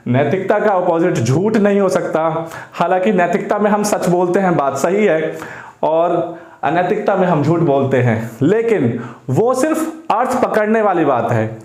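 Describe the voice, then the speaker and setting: A man teaching English vocabulary for exam prep, explaining slowly and repeating key words as he switches between Hindi and English. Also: high voice, darkish tone, roomy sound.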